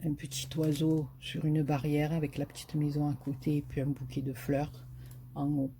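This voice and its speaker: At a moderate pace, a low-pitched woman speaks in a level, mellow tone over slight background noise. She's a craft vlogger from southern France with a Marseille accent, casually and hesitantly chatting through a haul, with many fillers and enthusiasm for paper designs.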